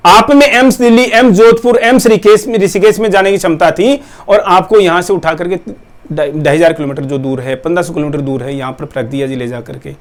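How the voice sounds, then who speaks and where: Male coaching teacher, high-pitched voice, forceful rhetorical lecture to students. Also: fairly even intonation, a little fast. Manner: forceful, rhetorical, addresses viewers directly. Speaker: nursing exam coaching teacher. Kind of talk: persuasive talk to students.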